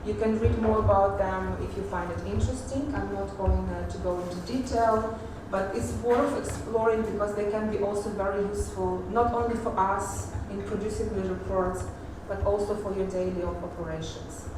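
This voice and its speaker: A woman giving a technical conference presentation, pausing often with fillers and restarts. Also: medium pitch, fairly even intonation, background noise. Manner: hesitant, many fillers and restarts. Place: large echoey conference hall. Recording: echoey hall audio from far off.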